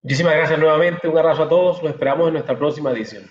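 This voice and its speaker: A man's voice: on the high side, racing. A Colombian man moderating a live online forum, polite and hesitant with many fillers. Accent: Colombian Spanish. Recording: echoey room, dull lo-fi sound.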